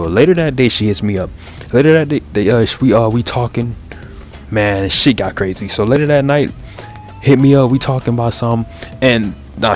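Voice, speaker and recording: A young man, telling a rambling, profane, animated story in casual chat, full of fillers and restarts. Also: medium pitch. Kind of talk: casual story time over gameplay.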